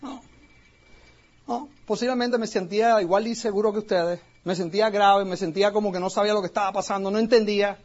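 A man from Puerto Rico with a Puerto Rican accent, giving an animated storytelling talk to an audience as a motivational speaker. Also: high voice, fast talker. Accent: Puerto Rican Spanish. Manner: animated, acts out quoted voices. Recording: dull lo-fi recording.

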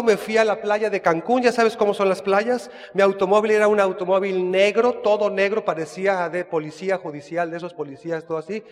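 High-voiced Mexican man telling stories. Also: in a large hall. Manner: chatty, frequent restarts, asks listener asides. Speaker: storyteller. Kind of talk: casual personal storytelling.

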